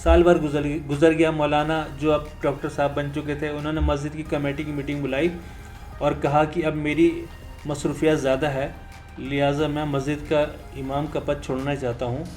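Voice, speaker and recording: Earnest male storyteller, slightly high voice. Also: little pitch movement, moderate pace, darkish tone. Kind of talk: scripted motivational narration. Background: faint music.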